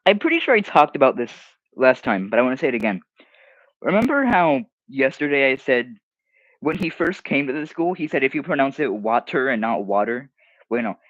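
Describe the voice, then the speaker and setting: A teenage man rambles through comments on a livestream, with a mocking, offhand delivery and frequent restarts. His voice sits in an average pitch and sounds dry and close. The recording is a bit dull and lo-fi. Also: very animated, fairly quick, fairly bright tone, dry recording. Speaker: streamer.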